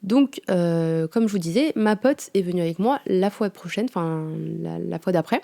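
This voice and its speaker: Chatty young woman, mellow voice. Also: lowish voice, normal speed, vocal fry. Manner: chatty slangy storytelling, many fillers. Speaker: podcast host. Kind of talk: casual chat. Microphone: home podcast microphone.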